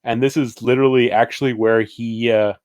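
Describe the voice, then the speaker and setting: Male co-host, mid pitch, stop-start delivery, dry close recording. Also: fairly even intonation, darkish tone, dry recording. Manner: halting, fills with uh and restarts. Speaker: podcast co-host. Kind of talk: casual chat.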